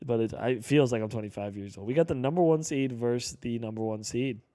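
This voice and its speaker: A man in his early twenties giving casual play-by-play commentary over a basketball video game, excitable and breaking into sudden shouts. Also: medium pitch, fast, dry recording, studio quality. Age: 20s. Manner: excitable, calls plays aloud with sudden shouts. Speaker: gaming YouTuber.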